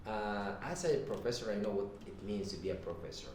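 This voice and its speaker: Hosting a casual podcast interview, this man in his thirties from Sudan speaks with a Sudanese Arabic accent as a native Arabic speaker. His lowish, slightly mellow voice moves a bit quickly with lively intonation, captured on a distant mic in an echoey, noisy room.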